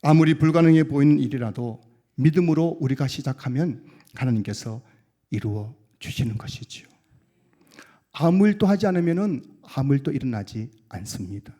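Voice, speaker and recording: A male pastor preaches earnestly at a moderate pace with lively intonation. His sentences swell into loud, emphatic peaks and then fall low and quiet as they close.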